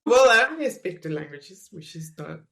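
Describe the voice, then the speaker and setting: Her voice sits fairly low, gravelly yet fairly bright, with a sing-song lilt at a moderate pace. A Spanish-speaking scientist appearing on a podcast, she discusses books casually in English, pausing hesitantly and often trailing off as she thinks.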